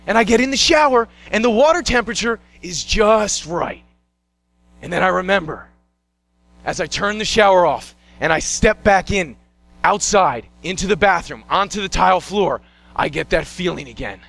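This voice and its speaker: High, bright young man telling a story. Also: normal speed, creaky. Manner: animated, acts out scenes and voices. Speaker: solo stage performer. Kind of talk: one-man show storytelling.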